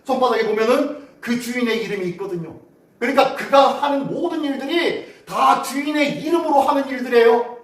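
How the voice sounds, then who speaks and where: A man's voice: extremely high pitch, a little fast. A male pastor preaching a Sunday sermon in a church, urging the congregation on and acting out cries to God. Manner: dramatic, exhorting preacher who acts out prayers. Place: church sanctuary. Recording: echoey church, voice far from mic.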